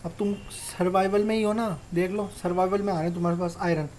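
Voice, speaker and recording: A man's voice: sits high, fairly even intonation, quick pace, a little mellow, slight background noise. Chatty young man narrating a game. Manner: chatty, informal, addresses viewers as friends. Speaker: gaming channel host. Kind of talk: casual Minecraft tutorial voice-over.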